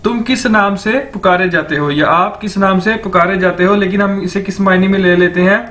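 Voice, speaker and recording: A man with a Pakistani Urdu accent teaching a language lesson, drilling each word by repeating it slowly and checking that students follow. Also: sits high, fairly even intonation, fairly bright tone. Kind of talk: classroom lecture.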